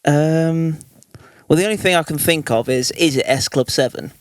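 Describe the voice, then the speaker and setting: A man's voice: fairly high pitch, moderate pace, no echo, clean studio sound. An English man co-hosting a podcast, thinking aloud in a playful casual chat. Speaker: podcast co-host.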